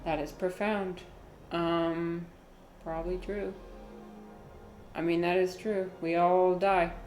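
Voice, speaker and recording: A woman giving casual, rambling commentary as she plays a video game, with vocal fry in her voice. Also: on the low side, flat delivery, slow, darkish tone, roomy sound, faint music behind. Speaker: streamer playing a video game.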